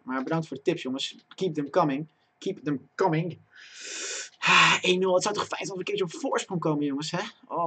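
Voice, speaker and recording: Excitable young man narrating his match. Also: fairly high pitch, husky. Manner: talks to himself and chat, bursts into loud excited shouting at chances. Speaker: gaming streamer. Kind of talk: live gameplay commentary. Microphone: desk microphone.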